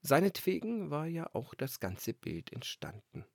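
A man reading a fairy tale aloud in a calm, expressive storytelling manner on a close mic. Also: fairly high pitch, a little slow, creaky, no room sound. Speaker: narrator.

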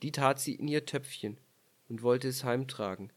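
Man reading an old fairy tale out loud, calm storyteller, steady middle voice. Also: medium pitch. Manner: measured, expressive storytelling. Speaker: narrator.

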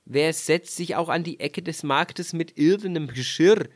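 A man voicing a gruff, poor husband from a fairy tale who scolds and gives orders. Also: fairly high pitch, big pitch swings, normal speed. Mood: scolding. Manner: scolding, commanding.

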